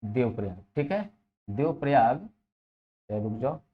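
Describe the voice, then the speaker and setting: A man's voice: mid-range voice, very animated, a little slow. A male teacher giving an exam-prep geography lesson, addressing his students as children, asking questions and answering them himself, and repeating key words over and over. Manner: repeats key words with frequent "ठीक है" checks. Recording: dull lo-fi audio.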